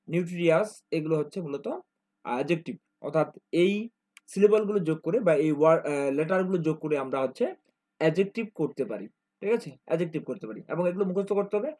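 A man's voice: a little high, a little mellow. A man with a Bangladeshi Bengali accent teaching an exam-prep grammar lesson, explaining step by step and often asking whether his students follow. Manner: explains step by step, checks in with "ঠিক আছে?" often.

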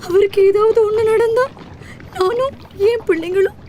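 A woman acting a poor, pleading wife and mother in an emotional radio drama, halting and deferential. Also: very high-pitched, darkish tone, slight background noise. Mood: anxious, pleading. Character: anguished poor fisherman's wife, newly widowed mother.

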